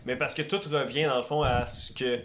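A man's voice: mid-range voice, fairly even intonation, normal speed, fairly bright tone, a little hiss or hum. Agreeable man in his thirties. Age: 30s. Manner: agreeable, reflective, backchannels often. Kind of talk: casual podcast chat.

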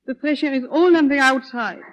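Woman playing a high-voiced, feisty young woman. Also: a little fast, a little hiss or hum, close to an everyday voice, low-quality recording. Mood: airy, sardonic. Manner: theatrical, blunt, teasing, complaining. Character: feisty, fussy, teasing young foreign woman. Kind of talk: old Hollywood film comedy acting.

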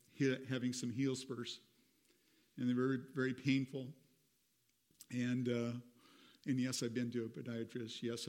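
A middle-aged man preaching a sermon as pastor, rising high and loud when retelling a story and dropping soft for personal asides. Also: in a large hall.

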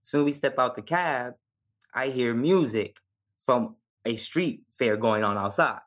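A man with a New York Puerto Rican accent, a Navy veteran telling stories as a podcast guest, lively and laughing often. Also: mid-range voice, unhurried. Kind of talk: casual storytelling.

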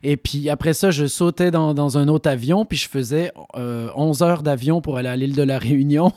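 A middle-aged man from Quebec with a Québécois accent softened by years in France, a stage actor chatting casually in an interview, rambling with many fillers and restarts. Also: fairly high pitch, moderate pace, no room sound, clean studio sound. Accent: Québécois French, partly softened by years in France.

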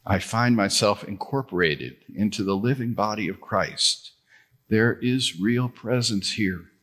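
A man preaching a sermon in church, reflective and gently personal. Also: lowish voice, measured pace, slightly rough. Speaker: pastor.

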